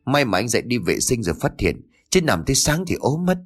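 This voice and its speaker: A man voicing a stern middle-aged man with a dark secret, scolding and curt, in a spoken ghost story. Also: mid-range voice, very animated, brisk, breathy edge.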